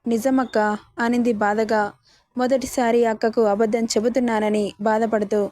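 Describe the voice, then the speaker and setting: A woman's voice: a little high, level tone, fairly quick, dark tone, no room sound, clean studio sound. A woman narrating a dramatic story and reading all the characters' lines in her own voice.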